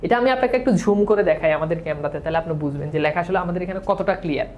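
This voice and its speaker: A man's voice: a little high, lively intonation, darkish tone, slight background noise. A man teaching an online exam-prep lecture, drilling questions and answers over and over and sprinkling English words into his speech. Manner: talks fast, as he admits.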